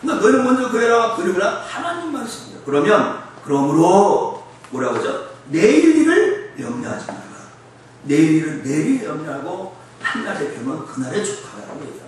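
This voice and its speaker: A male pastor delivers a Sunday evening sermon, telling funny stories from home and calling out lines for the congregation to repeat. His voice sits a little high and swings widely. It is picked up from a distance in a big, reverberant church with faint background noise. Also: fairly quick. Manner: lively, humorous storytelling with call-and-response to the congregation. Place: church sanctuary. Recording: echoey church hall, mic from afar, faint noise.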